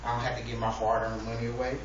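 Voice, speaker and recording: The speaker talks very fast in a mid-range voice with a completely flat delivery. He is a public speaker giving a humorous, informal speech in a mock-earnest, preacher-like way to an audience in an echoey indoor room. The recording is distant, very echoey, noisy, and muffled.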